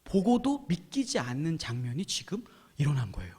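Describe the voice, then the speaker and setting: A man, a youth pastor, giving a lively sermon to teenagers in casual speech, often acting out the people he quotes. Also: on the high side, normal speed, husky.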